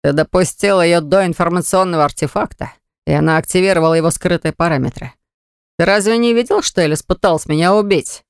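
A man's voice: fairly high pitch, fast, creaky, clear, resonant tone, dry recording, clean studio sound. A reader voicing an arrogant, menacing blond male fire mage in an audiobook, speaking in a sneering, spiteful way. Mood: accusing. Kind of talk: audiobook character voice.

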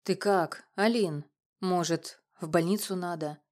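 A woman reading an audiobook, voicing a huge, burly older male neighbor with a husky, gruff, growling voice. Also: fairly low pitch, a little slow, a little mellow, close to an everyday voice. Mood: gruff concern.

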